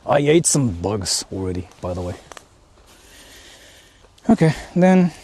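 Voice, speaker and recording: A rather low-voiced Japanese man speaks slowly, with big pitch swings and a mellow, slightly rough quality. He livestreams a casual vlog while moving through the countryside to explore haunted spots, talking with viewers, thinking aloud and swearing often, in a noisy outdoor recording.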